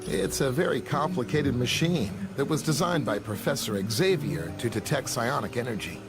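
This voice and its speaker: An actor playing a friendly, knowledgeable scientist hero in a video game, explaining things plainly. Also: male voice, medium pitch, animated, normal speed, vocal fry, over music. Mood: helpful.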